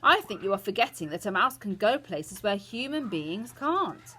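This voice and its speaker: A woman plays a small, plucky storybook boy-mouse, earnest and eager. The voice is bright and crisply forward, with very lively swings of pitch. Some noise sits behind it. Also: normal speed. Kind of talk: storybook character voice.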